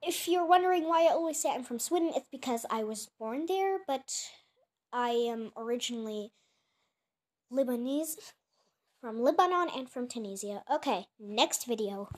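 High-voiced chatty female creator. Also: animated. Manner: chatty, self-mocking, quick asides. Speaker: video creator reacting to own clips. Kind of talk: casual chat.

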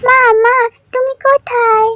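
A woman's voice: very high-pitched, flat delivery, a little slow, fairly bright tone, pitched above the performer's own voice. A woman voicing a small, sick, clingy little girl who whimpers and drags out her calls for her mother in a doll story. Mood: whiny.

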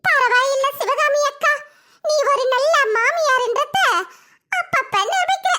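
A woman's voice: very high voice, measured pace, sharp tone, slight background noise, heavily acted. A woman voicing a gossipy neighbor who mocks and complains about her own mother-in-law in a cartoon comedy. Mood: complaining. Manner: mocking, complaining.

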